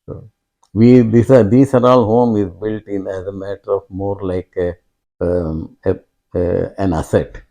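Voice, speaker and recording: An older man, speaking slowly and reflectively as an interview guest, pausing often and restarting his sentences. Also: sits low, fairly even intonation, warm tone. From India. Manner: halting and reflective, many fillers and restarts. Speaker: guest, father of host. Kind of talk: conversational interview.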